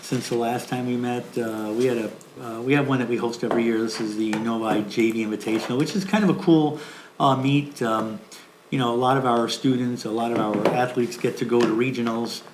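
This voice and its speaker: A man's voice: medium pitch, fairly even intonation, a little fast. Man casually reporting at a board meeting. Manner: casual, hesitant with fillers. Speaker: school board member. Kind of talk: meeting remarks. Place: school board meeting room. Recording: echoey meeting room, faint noise.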